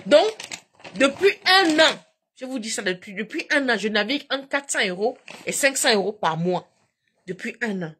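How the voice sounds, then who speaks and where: A woman chatting casually to her live viewers, telling stories in an animated, repetitive way and addressing them directly. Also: on the high side, normal speed, breathy edge.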